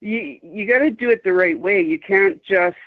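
A woman's voice: mid-range voice, normal speed, dry recording. A woman around fifty, calling in and talking in an emphatic, rambling, outspoken way with some swearing. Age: 50s. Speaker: caller. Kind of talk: casual chat. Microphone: phone. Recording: dry tinny phone line.

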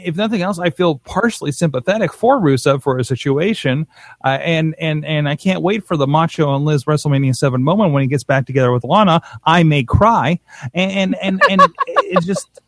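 Rambling excitable man with a higher voice. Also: dry recording. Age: adult with a father-in-law. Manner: rambling, excitable, many restarts. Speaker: podcast co-host. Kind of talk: casual chat.

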